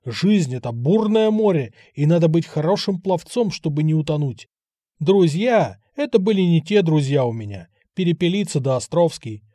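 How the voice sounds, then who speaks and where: A man voicing an excitable, boastful young man just back from the army, talking in an eager rush. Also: a little high, no room sound, clean studio sound. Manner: rushed, eager to prove himself.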